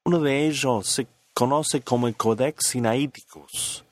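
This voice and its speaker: Calm male Bible radio host. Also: medium pitch, dry recording. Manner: calm, measured, explanatory. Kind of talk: radio Bible teaching and prayer.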